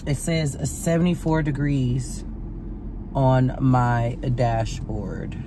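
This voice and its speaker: A woman's voice: very deep voice, slow. A woman in her thirties chatting straight to her viewers in a casual car-talk vlog, recorded on a phone propped near the dashboard of a parked car at night. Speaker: vlogger. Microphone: phone propped on a stand near the dashboard. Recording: loud car and street noise. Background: car air conditioning hum.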